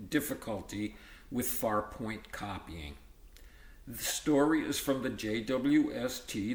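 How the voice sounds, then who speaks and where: A man with a mid-range voice reads a textbook aloud as an audiobook in a roomy-sounding space, explaining in a teacherly way. He adds his own explanations and breaks off for informal asides, checking in with "okay" and "all right."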